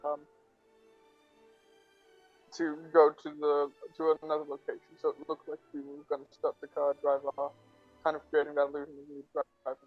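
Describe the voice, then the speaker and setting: A man's voice: on the high side, monotone, fairly quick, long pauses. Male filmmaker doing BTS commentary, rambling and unsure, lo-fi muffled take. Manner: hesitant and rambling, with many fillers and restarts. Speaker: filmmaker discussing his fan film. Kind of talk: behind-the-scenes commentary. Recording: dull, lo-fi sound. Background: faint film music.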